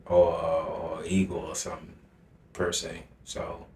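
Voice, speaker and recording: Real deep monotone guy, sitting back from the mic, echoey room with faint noise. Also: unhurried, recorded from a distance. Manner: laid-back, mumbling, trailing off. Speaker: podcast co-host. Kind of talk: casual chat.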